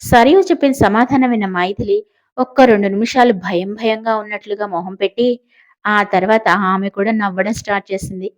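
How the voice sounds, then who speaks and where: A woman narrating a suspense novel in steady storytelling style. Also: mid-range voice, a little fast. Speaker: audiobook narrator. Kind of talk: scripted narration.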